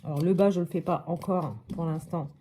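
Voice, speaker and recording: A woman's voice: fairly low pitch, brisk, dark tone, slight background noise. A woman hosting a casual step-by-step crafting tutorial at her craft table at home, chatting and thinking aloud with many little hops and voilàs.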